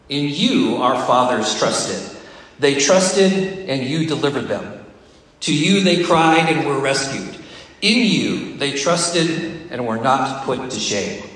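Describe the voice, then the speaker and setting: A man's voice: fairly high pitch, a bit bright. A man giving a conversational, jokey and sometimes emotional devotional talk to a staff gathering, recorded on a phone on the podium. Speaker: devotional speaker. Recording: distant, echoey room phone recording.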